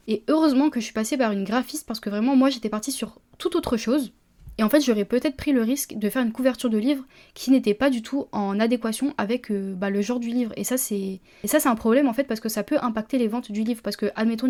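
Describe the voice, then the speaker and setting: A woman's voice: fairly high pitch, a little mellow. A woman, hosting a casual solo podcast about publishing, chatty with many fillers and restarts.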